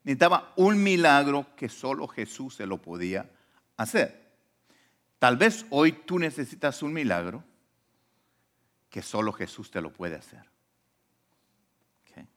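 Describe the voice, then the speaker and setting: A man preaching a sermon as pastor. He swings from quiet asides to loud emphasis and keeps asking the congregation questions. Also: mid-range voice, sing-song, measured pace, pauses often. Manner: conversational, asks the congregation questions.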